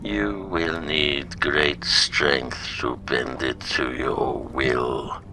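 A man voicing a menacing old dark lord, a sinister master instructing his apprentice in a slow, ominous, gravelly delivery for a comic dub. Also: a bass voice, fairly even intonation, heavily acted, rough recording. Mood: ominous, commanding. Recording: music under the voice.

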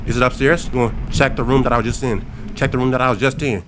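A man's voice: medium pitch, fairly even intonation, quick pace, background noise. Hyped young man trash-talking a game. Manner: hyped, profane trash-talking, repeats taunts. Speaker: gaming YouTuber. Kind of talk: let's play commentary.

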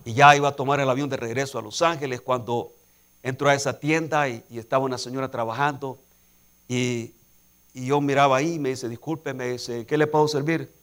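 A man's voice: mid-range voice, steady tone, a little fast. A man preaching a sermon, telling a personal story and building to emphatic, repeated calls to action. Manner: preaching with rising, emphatic repetition; quietly acts out dialogue in anecdotes.

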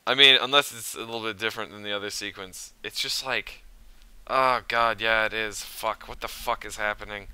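A man's voice: fairly low pitch, steady tone, moderate pace, pushed and bright, clear, resonant tone, dry recording. A man giving casual let's play commentary as a scared horror game streamer, uneasy and mixing muttered asides with exclamations. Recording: music behind the voice.

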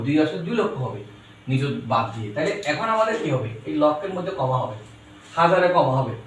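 A man's voice: a little high, fairly bright tone, very echoey, distant mic, slight background noise, poor audio. A man teaching a children's math lesson, coaxing and repeating his questions to a young pupil.

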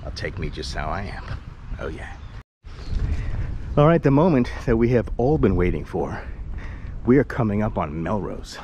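With a lowish, dark-toned voice, he speaks in a sing-song way at a moderate pace, pausing often. He's a vlogger in his forties on a casual walking tour outdoors along a sunny residential street, rambling, joking and chatting to himself while holding an action camera at arm's length. Passing cars and street ambience make up the outdoor noise.

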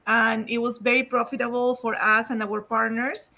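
A woman from Peru giving a quick, chatty update as a guest on a video call. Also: fairly high pitch, level tone, bright, forceful tone. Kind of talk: casual live update.

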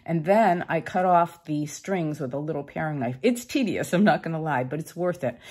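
A woman with a low, husky voice talks through her kitchen prep in a chatty, upbeat way. She explains each step as she goes, like a home cooking host. Her tone stays easygoing and friendly throughout. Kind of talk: casual cooking voice-over.

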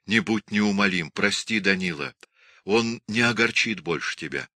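A man's voice: fairly low pitch, normal speed, creaky, bright, forceful tone, heavily acted. A man voicing a desperate pleading young Cossack wife. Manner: impassioned, pleading.

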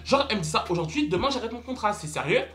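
A man's voice: high voice, animated, rapid-fire, fairly bright tone, soft background music. A young man telling a story to camera in a casual vlog, dramatic and exclamatory, repeating words for emphasis. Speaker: vlogger.

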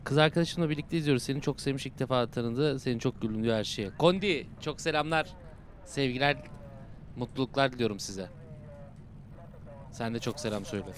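A young man giving casual, slangy commentary while playing a horror game, bursting into loud shouts and dropping to low mutters. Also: fairly quick, slight background noise. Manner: excitable, swings between loud outbursts and low mutters; casual slangy banter with viewers. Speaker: gaming YouTuber.

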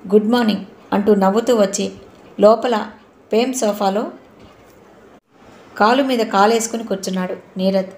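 A woman narrating a novel in a measured storytelling manner. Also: medium pitch, darkish tone. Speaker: audiobook narrator. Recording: roomy echo.

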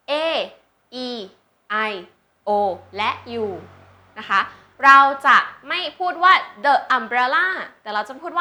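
Her voice high and bright, an English tutor teaches slowly with example sentences, drilling drawn-out words for learners to repeat. She stays patient and keeps asking questions to make sure they follow.

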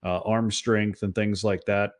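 A man co-hosts a relaxed sports podcast, breaking down plays and slipping in wry jokes. His voice sits somewhat low. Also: unhurried. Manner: wry, joking analysis. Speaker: co-host. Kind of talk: casual sports chat.

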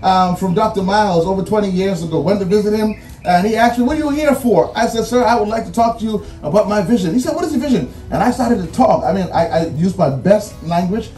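Preaching-style rhythm carries this high-voiced Bahamian man's commencement speech as he pushes numbered points and repeats key phrases for weight. He's animated and talks fast with hardly any pauses, his tone mellow rather than bright. He sounds far from the mic in an echoing room, faint music underneath.

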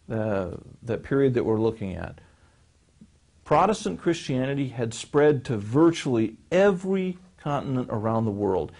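Measured man explaining church history. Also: medium pitch, darkish tone. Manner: measured, explanatory, with frequent fillers and restarts; gestures with his hands while speaking. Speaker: seminary professor answering questions. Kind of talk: lecture-style interview answer. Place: small studio set with a wood-panel backdrop, seated.

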